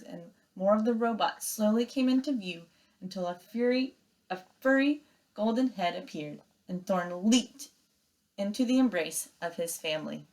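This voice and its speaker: On a rough recording, a woman teacher with a medium-pitched voice reads aloud and lays out step-by-step instructions for young pupils, sounding expressive and emphatic.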